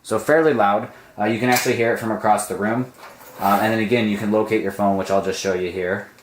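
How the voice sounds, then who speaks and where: A man's voice: on the low side, steady tone, quick pace, a little hiss or hum. A man casually demonstrating and explaining a product, chatty, with lots of ums and uhs. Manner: explanatory, filler-heavy, chatty. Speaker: product reviewer. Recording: echoey room.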